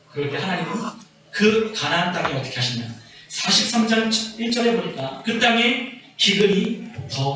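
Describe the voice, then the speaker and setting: A man's voice: high voice, bright, forceful tone, a little hiss or hum. A man preaching a sermon as pastor, earnestly stressing his points. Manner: earnest preaching, voice rising and falling with emphasis. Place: church sanctuary. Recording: echoey church hall from far off.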